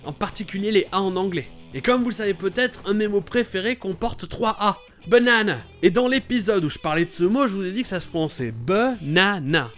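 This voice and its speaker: A man hosting a playful scripted explainer about English vowel sounds, talking with lively enthusiasm. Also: high voice. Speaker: YouTube host explaining English pronunciation.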